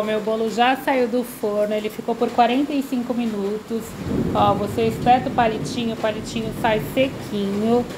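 This home cooking host has a slightly high voice and guides viewers through a recipe one step at a time. Her manner is warm, full of diminutives, though the background is noisy.

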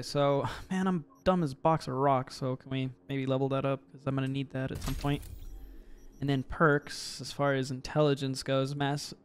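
A man's voice: medium pitch, clean tone. A man casually commenting while playing a video game, joking and reading game text aloud. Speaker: gaming video host.

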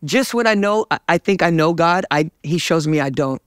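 A man's voice: fairly high pitch, a little fast, clean tone, no room sound. A young man speaking as an evangelist in an interview, fervent and preacher-like, in a dry studio. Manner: fervent, preacher-like, gestures while talking. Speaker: evangelist guest. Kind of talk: interview about faith. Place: dark studio set, seated.

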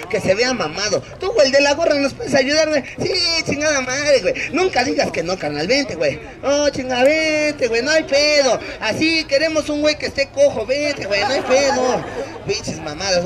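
A man with a Mexican Spanish accent performing street comedy, teasing and roasting the crowd with crude slang. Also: very high-pitched. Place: outdoors in a city plaza. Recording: loud crowd noise outdoors. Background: large crowd laughing.

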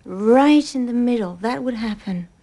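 A woman's voice: a little high, measured pace, mellow. An actress playing a curious woman who eagerly echoes the other's words and keeps asking questions. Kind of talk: film dialogue.

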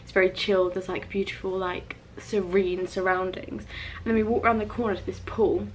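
A woman's voice: medium pitch, level tone, fairly quick, slight background noise, low-quality recording. A young woman chatting casually to camera on a travel vlog, giggly and full of fillers. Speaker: travel vlogger. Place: theme park outdoors, then hotel room. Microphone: handheld camera.

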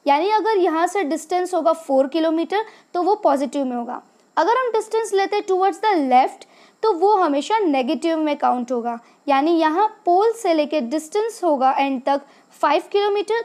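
A woman teacher giving a slide-based science lesson voice-over, explaining slowly and deliberately while mixing English and Hindi. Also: high voice, a little mellow.

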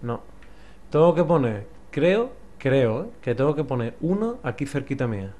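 Cursing Spanish gamer talking to himself. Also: male voice, medium pitch, big pitch swings, moderate pace. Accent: Spanish from Spain. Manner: swears a lot, mutters to himself, bursts into frustrated yells. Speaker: gameplay commentator. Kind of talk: let's play commentary.

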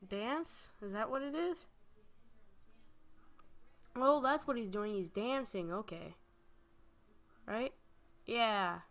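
A woman's voice: fairly high pitch, slow, long pauses, fairly bright tone. A young woman casually commenting on her gameplay at home, chatty and giggly, talking to the creatures on screen. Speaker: gaming video host. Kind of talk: casual let's-play commentary. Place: home room. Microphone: home desk microphone.

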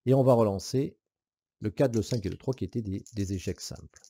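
This is a solo board game playthrough tutorial by a man whose lowish voice carries vocal fry and moves a little fast. He explains the rules as he goes, thinking aloud, counting dice and casually weighing options, with hesitant fillers and soft laughs. The recording has no room sound.

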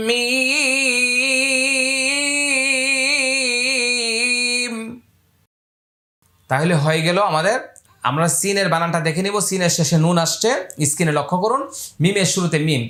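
Bright-voiced man teaching recitation, echoey room. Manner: explains slowly, counts beats aloud, then chants letters drawn out high. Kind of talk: step-by-step recitation lesson.

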